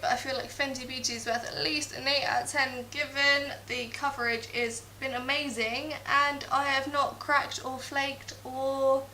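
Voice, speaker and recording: Tipsy, bright, higher-voiced woman vlogger. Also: low-quality recording. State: tipsy after drinks. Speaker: beauty vlogger. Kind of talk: casual makeup review to camera. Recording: clear background hiss.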